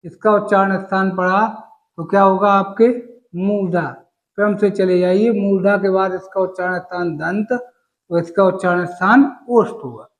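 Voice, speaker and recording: A man's voice: high-pitched, fairly even intonation, normal speed, reverberant, rough recording. A male Sanskrit teacher from gives an exam-prep lesson, using homely examples and asking and answering his own questions.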